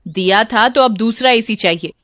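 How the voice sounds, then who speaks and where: A woman's voice: a little high, moderate pace, fairly bright tone, no room sound, clean studio sound, close to an everyday voice. A woman voicing a greedy, harsh middle-aged mother-in-law who scolds sharply. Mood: scornful.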